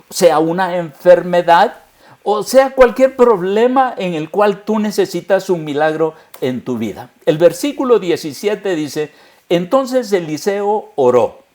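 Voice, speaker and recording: A man's voice: high voice, animated, slow pace, darkish tone. A man, a pastor, preaching a sermon earnestly and speaking straight to the listener.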